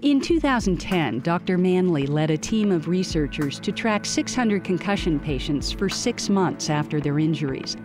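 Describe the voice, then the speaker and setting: A woman giving scripted documentary narration with a lively reading. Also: fairly low pitch, moderate pace, few pauses, over music.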